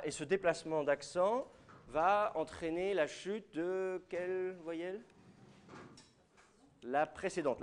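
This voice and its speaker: Man teaching a class. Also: a little high. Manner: explains step by step, asks the class questions. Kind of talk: classroom lecture.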